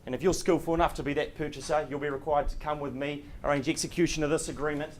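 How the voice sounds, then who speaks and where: A man's voice: on the high side, darkish tone. A man speaking as an auctioneer, in polished, courteous, formal auction patter. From New Zealand. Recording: clear background room noise.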